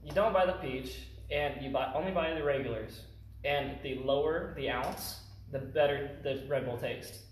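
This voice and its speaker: A man's voice: medium pitch, moderate pace. A young man in casual podcast banter, joking and playful. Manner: joking, playful, laughs often. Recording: echoey room, distant mic, noisy.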